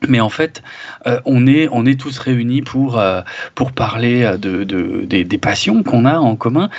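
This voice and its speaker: A man co-hosting a podcast in casual chat, enthusiastic but halting, full of fillers. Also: medium pitch, expressive. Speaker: podcast co-host. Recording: dull lo-fi sound.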